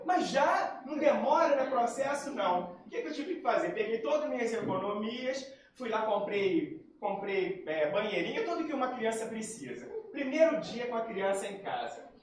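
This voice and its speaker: A man giving a spiritist talk, telling a personal story and acting out the dialogue of the people in it. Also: sits high. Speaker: spiritist lecturer. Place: lecture hall. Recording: very echoey hall, far from mic.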